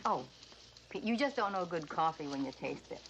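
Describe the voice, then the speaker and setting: A woman's voice: low voice, lively intonation, moderate pace, dull audio. An actress playing a laid-back, playful policewoman with a drawling, teasing manner in a 1970s TV crime drama. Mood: mildly defensive. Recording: noisy old TV soundtrack.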